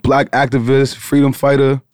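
A man's voice: medium pitch, flat delivery, normal speed, a little mellow, no echo, clean studio sound. A man hosting a podcast in casual chat, hyped and slangy, swearing freely. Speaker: podcast host.

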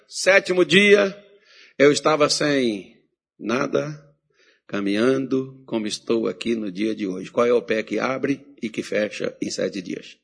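A man's voice: mid-range voice, gravelly, fairly bright tone, husky. A man preaching a sermon, telling a story and acting out the voices of the people in it.

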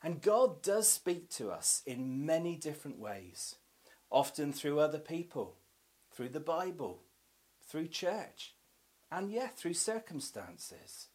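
A man delivers a devotional Advent reflection in a slightly raised pitch, taking his time over every phrase. His measured, unhurried reading of scripture often sinks into soft, hushed tones. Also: big pitch swings.

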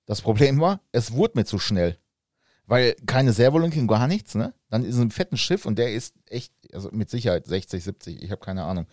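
A man of middle pitch tells a tale in a casual chat, his voice rising and falling in lively swings. The sound is dry and close. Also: fairly quick, dry recording. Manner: animated storyteller, lively intonation.

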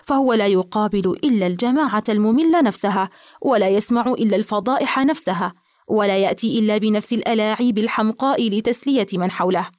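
A bored, fussy gentleman, read by a woman grumbling to himself. His words come quickly and irritably. The audiobook recording is dry. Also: mid-range voice, no echo, close to an everyday voice. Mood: weary. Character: weary fastidious gentleman with a monocle, bored. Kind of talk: audiobook character reading.

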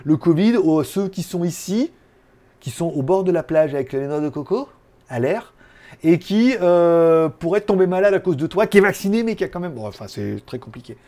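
Casual male tech streamer from France, slightly high voice, rambling and jokey delivery. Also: expressive, moderate pace, mellow. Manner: rambling, joking, frequent fillers and laughs. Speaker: tech live stream host. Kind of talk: casual live-stream chat. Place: home in Thailand.

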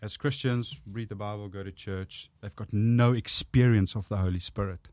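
A South African man, a podcast guest, telling personal stories in casual chat with animated asides. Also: fairly low pitch, normal speed, no echo.

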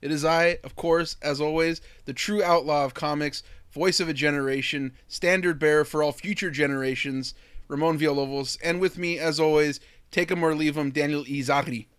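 A man's voice: on the high side, fairly even intonation, moderate pace, a bit bright, clean tone, dry recording. A man hosting a podcast in casual chat, boastful and joking, swearing freely. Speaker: podcast host.

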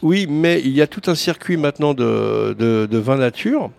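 Brief: male studio host, casual and halting, ordinary middle pitch. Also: expressive, vocal fry, a little mellow. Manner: hesitant, many restarts, chatty. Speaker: radio show host. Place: radio studio.

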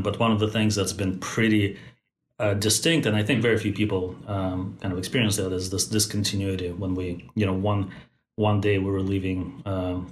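A thoughtful, low-voiced company founder in his forties, born in Moscow and raised in Tajikistan, is a guest on a podcast interview in the Bay Area. He uses many fillers and restarts, and there's slight background noise.

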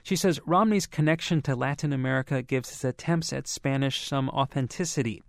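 A man's voice: medium pitch, fairly quick, gravelly, no room sound, studio quality. A man reporting a scripted radio news feature in a wry, conversational way. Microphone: studio mic.

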